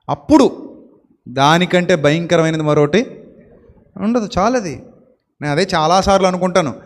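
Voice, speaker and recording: A male pastor preaching a sermon, animated, with many rhetorical questions and playful mock quotes. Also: high-pitched, big-room sound.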